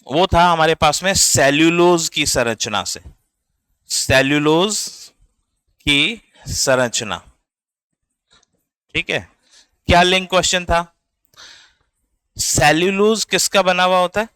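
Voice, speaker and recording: Male biology teacher, slow and deliberate, clear crisp voice, dry close sound, spells terms out letter by letter. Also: fairly high pitch, lively intonation, fairly bright tone, no room sound. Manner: explains step by step, checks in with "ठीक है" and questions to the class. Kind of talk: classroom lecture.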